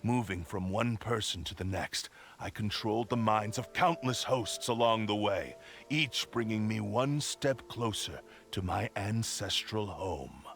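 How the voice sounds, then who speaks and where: An actor voicing a ruthless spirit that possesses men's bodies, speaking in grandiose, contemptuous declarations for a video game. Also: male voice, lowish voice, animated, a little slow, gravelly, a bit bright, exaggerated voice. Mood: cold, grandiose. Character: ruthless male spirit possessing hosts, proud swordsman.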